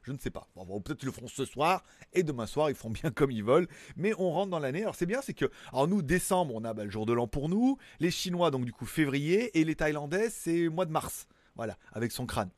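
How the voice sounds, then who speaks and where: A man's voice: fairly high pitch, a little mellow, no room sound. A man hosting a casual tech news show, chatting in a rambling, jokey way with frequent asides. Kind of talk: casual chat.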